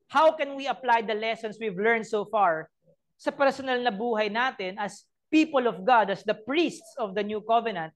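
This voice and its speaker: Filipino woman preacher, fairly high voice, emphatic, acts out little scenes for the congregation. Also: fairly bright tone. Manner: switches between Tagalog and English, asks the congregation rhetorical questions. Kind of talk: sermon.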